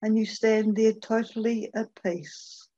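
A woman leading a guided meditation, speaking gently and unhurriedly with long pauses. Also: fairly high pitch, steady tone, dull audio.

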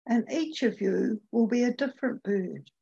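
A woman leading a guided meditation, speaking gently and unhurriedly with long pauses. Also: a little high, gravelly, breathy edge, dull audio.

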